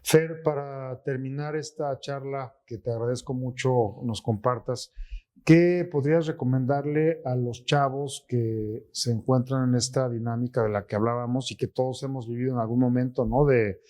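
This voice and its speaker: A man hosts a sit-down interview in a warm, mellow voice. He asks long, winding questions and often ends them with a quick tag question. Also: mid-range voice, fairly even intonation. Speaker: interview host. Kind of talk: conversational interview.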